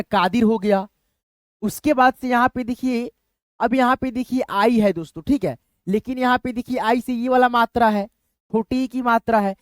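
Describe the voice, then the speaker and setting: A man teaches in a relaxed, repetitive way and explains each step slowly. He keeps calling his listeners friends and answers his own questions. The recording is dry and close, with no room echo. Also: very high-pitched. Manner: says "friends" constantly, asks questions and answers them himself. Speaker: online Hindi and English teacher. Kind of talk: casual teaching.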